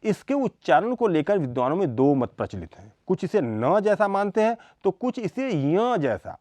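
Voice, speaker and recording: Male lecturer, slow and deliberate, animated pitch, dry studio sound. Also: no room sound. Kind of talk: scripted educational lecture.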